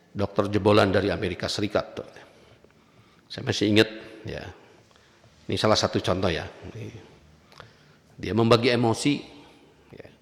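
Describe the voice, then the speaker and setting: A man giving a religious lecture in a conversational way, often adding "ya" and telling anecdotes. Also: lowish voice. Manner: conversational, frequent tag "ya", anecdotes with acted quotes. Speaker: preacher. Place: mosque or study hall. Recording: long hall reverb.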